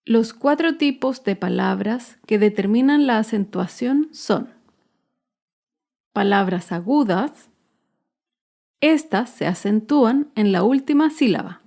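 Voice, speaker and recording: Slow, careful female teacher voice. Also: on the high side, expressive, gravelly, dark tone. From Chile. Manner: careful, deliberate, stressing each syllable. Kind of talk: slow, clearly spelled-out grammar lesson narration.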